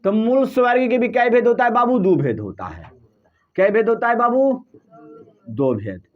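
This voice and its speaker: Male teacher, high and animated voice, quizzes the class over and over. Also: unhurried, narrow, tinny audio. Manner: drills students with repeated questions. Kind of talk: classroom lesson.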